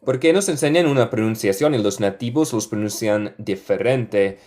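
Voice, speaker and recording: A man's voice: fairly low pitch, normal speed, a little mellow. A man from Michigan with a Northern US accent, a native English speaker teaching a live online lesson in Spanish and English. He repeats example sentences carefully and thanks viewers by name. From Michigan, United States.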